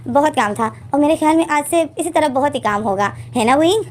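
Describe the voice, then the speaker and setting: A woman's voice: high voice, lively intonation, brisk, a little hiss or hum. A woman voicing a playful, mischievous young man who teases and sweet-talks in a read-aloud story. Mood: teasing.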